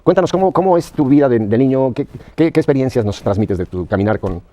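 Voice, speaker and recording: Lively, mellow-voiced faith show host. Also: male voice, medium pitch, fast, dull audio. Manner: warm, pious greetings, short affirmations. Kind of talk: interviewing a guest.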